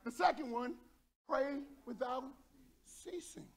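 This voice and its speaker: Male pastor with a light Texan accent, high voice, lively preaching, shouts and jokes in a church. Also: slow, vocal fry. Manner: animated preaching, shouting at peaks, joking with congregation. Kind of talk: sermon. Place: church sanctuary.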